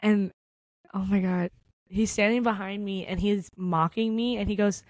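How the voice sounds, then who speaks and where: A woman co-hosting a casual podcast, full of exclamations and filler words as she gushes over gossip. Her voice sits at a middle pitch. The sound is close and dry, with no room echo. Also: steady tone, normal speed, a little mellow. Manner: gushy, exclaims often, lots of "like" fillers. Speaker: podcast co-host. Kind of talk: casual chat.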